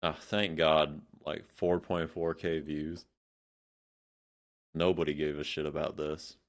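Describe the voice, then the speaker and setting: A man's voice: rumbling low, level tone, slow. A man giving blunt, sarcastic reaction commentary, swearing freely and scattering fillers as he talks. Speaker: commentary streamer.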